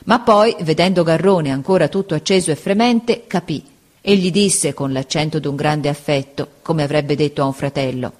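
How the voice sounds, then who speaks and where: Audiobook narrator, scripted narration, expressive, average pitch, voices the dialogue. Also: moderate pace. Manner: expressive reading, voicing the dialogue. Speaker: audiobook reader. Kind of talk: scripted narration of a classic children's novel.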